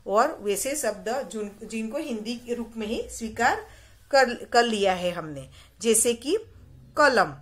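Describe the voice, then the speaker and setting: A woman's voice: fairly high pitch, animated, a little slow. A woman teacher giving a recorded lesson to young children, explaining patiently and repeating key words as questions to check understanding. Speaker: school teacher.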